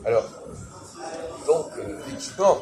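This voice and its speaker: A man leading an informal philosophical debate in French, hesitant and insistent, professorial, often correcting the others. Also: normal speed. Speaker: host of a philosophy café debate. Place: echoey public café interior. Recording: roomy echo with loud music behind. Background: loud background music.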